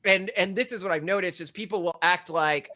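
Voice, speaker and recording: This man's voice is high and sharp, and he speaks briskly. Co-hosting a podcast, he rambles sarcastically and reads facts from a list as part of a casual, opinionated conversation.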